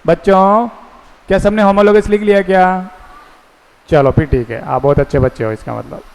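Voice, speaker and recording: Male lecturer, coaxing call-and-response style, smooth voice, long room reverb. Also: sits high, fairly even intonation, normal speed, a little mellow. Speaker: teacher. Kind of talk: classroom lecture. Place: classroom. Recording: echoey classroom hall.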